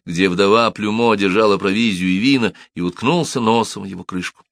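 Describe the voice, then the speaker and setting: A man narrating an audiobook in an expressive, dramatic reading style. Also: on the low side, fairly quick, dry recording, studio quality.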